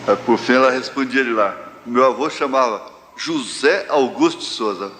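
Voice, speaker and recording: Folksy preacher in an echoing church. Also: male voice, medium pitch, a bit bright, slight background noise. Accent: Brazilian Portuguese, central-west. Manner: folksy storytelling preacher, drawn-out phrases. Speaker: pastor. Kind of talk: sermon. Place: large church hall. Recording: live church hall reverb, faint ambience.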